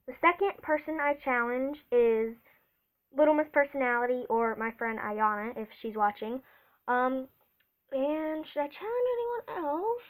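A woman's voice: sits high, rough recording. A woman vlogging a casual taste test, chatty and eager, reacting aloud as she tries each one.

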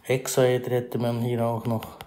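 A man's voice: mid-range voice, completely flat delivery, a little slow, mellow, roomy sound. A man teaching a math lesson over a screencast, explaining step by step with fillers and self-corrections.

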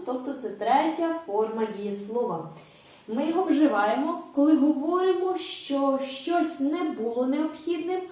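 A woman teacher explaining grammar in a video lesson, speaking clearly and patiently and repeating example sentences slowly. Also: high voice, a little mellow. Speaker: English teacher. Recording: very echoey room, distant mic.

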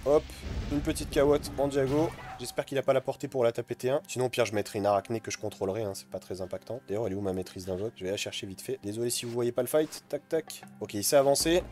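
Fast-talking man commentating a game. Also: mid-range voice, a little mellow. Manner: fast, chatty, talks to viewers while playing. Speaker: gaming video creator.

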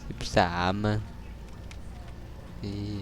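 A young man giving casual, excitable game commentary, swearing crudely and yelping at scares. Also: very slow, a little hiss or hum. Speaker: gaming streamer.

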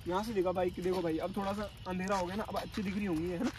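A man's voice: high-pitched, steady tone, very fast. Chatty young man vlogging outdoors. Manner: chatty, addresses viewers as bhai, directs cameraman. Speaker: bike vlogger. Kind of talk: casual vlog walkthrough. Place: outdoors by the roadside at dusk. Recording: faint outdoor street noise.

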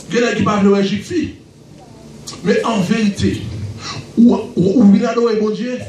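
A man with a Haitian accent preaching a fervent sermon, breaking into shouted bursts and returning to a repeated refrain. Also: sits high, a little hiss or hum. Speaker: pastor. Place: church sanctuary. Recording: echoey church recording from far off.

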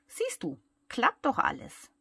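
Bossy, giggly talking air mattress in a storybook, read by a woman; breathy, dry. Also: animated, normal speed, a little mellow, no room sound, full character voice. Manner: bossy, high-spirited.

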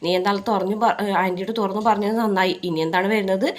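A woman's voice: medium pitch, steady tone, fast talker, close to an everyday voice. A woman voicing a supportive young man who encourages his friend. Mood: encouraging.

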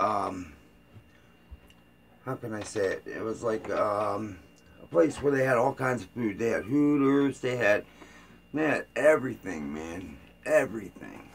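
An older man rambles to his camera in an unhurried, drawn-out way, his voice rough with vocal fry. His talk is loose and informal, full of fillers and restarts, with a tired edge. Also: medium pitch, fairly bright tone, slight background noise. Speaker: vlogger. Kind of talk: casual rambling vlog chat.

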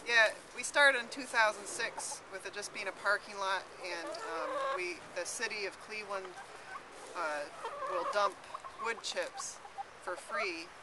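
A woman's voice: mid-range voice, unhurried. Young woman farmer outdoors. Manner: thoughtful, many fillers and restarts. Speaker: urban farmer. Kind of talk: outdoor interview answers. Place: outdoors in a city garden. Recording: loud outdoor background noise.

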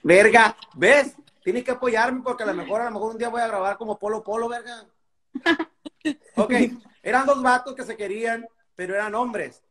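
A man's voice: extremely high pitch, moderate pace, fairly bright tone. A Mexican man in his forties hosting a live video call, joking crudely and swearing a lot while chatting and telling a joke. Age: 40s. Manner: crude, joking, heavy profanity. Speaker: host of a live video chat. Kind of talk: casual chat and joke telling. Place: indoors at home.

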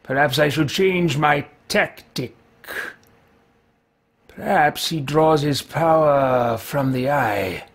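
Roleplaying an elderly, earnest wizard in a video game, a man mutters pensively to himself in formal, old-fashioned, theatrical language. His voice sits on the high side and moves slowly.

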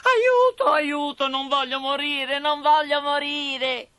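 A man voicing a young wooden puppet boy, eager and high, turning to pleading when scared. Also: sing-song, normal speed, fairly bright tone. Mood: frightened.

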